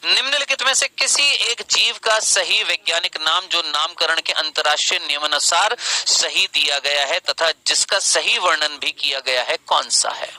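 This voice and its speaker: Young male coaching teacher, high and sharp-edged voice, scolds, sulks, stretches key words. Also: normal speed, hardly any pauses, no room sound, low-quality recording. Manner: scolding, then sulky and sarcastic with students; addresses students as beta, stretches key words. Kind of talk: online exam-question lesson.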